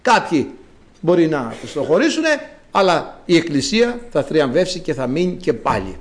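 Male preacher, fairly high voice; measured scripture reading, then fervent sermon with emphatic peaks. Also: sing-song. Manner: addresses listeners as beloved brothers.

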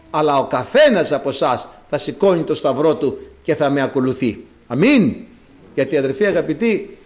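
Man, priest, sermon, animated storytelling, high voice, swooping pitch. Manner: animated storytelling, repeatedly addressing the congregation.

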